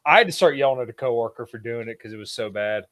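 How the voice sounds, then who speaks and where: A man's voice: mid-range voice, expressive, quick pace, a bit bright. A man on a casual podcast who teases his friend in a hesitant, stammering way. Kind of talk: casual banter among friends.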